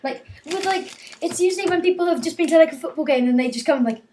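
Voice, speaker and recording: A woman's voice: very high voice, fast talker, darkish tone, distant mic. A teenage girl chiming in with jokey asides in a casual comic chat. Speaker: co-vlogger. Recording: a bit off-mic with faint background noise.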